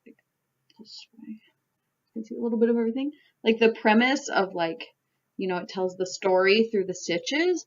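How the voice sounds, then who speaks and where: A woman's voice: mid-range voice, a bit bright. A young woman from Canada, chatting casually as a knitting vlogger in a rambling way, full of "like" and "um", recorded at home. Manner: rambling, filler-heavy, peppered with "like" and "um". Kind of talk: casual chat. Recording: slightly dull home recording.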